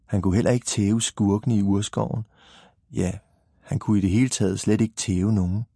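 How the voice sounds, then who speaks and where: A man reading a children's audiobook in a dry, gently humorous narrating voice. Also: on the low side, fairly even intonation, vocal fry, husky, no echo. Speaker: audiobook reader. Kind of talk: scripted narration of a children's book.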